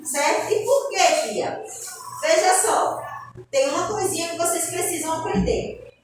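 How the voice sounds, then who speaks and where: A woman teaching young children a phonics lesson, speaking slowly and patiently with a Brazilian Portuguese accent and often asking the children whether they agree. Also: very high voice, roomy sound, slight background noise, poor audio. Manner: slow, patient, spells out sounds. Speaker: primary school teacher. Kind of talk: recorded classroom lesson.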